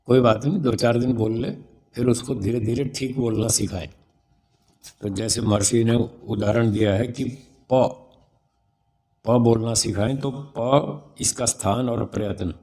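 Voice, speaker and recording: A man's voice: mid-range voice, fairly even intonation, measured pace, dark tone. A man speaking as a swami and spiritual teacher, giving a religious discourse on raising children, explaining patiently and sounding out syllables to demonstrate them.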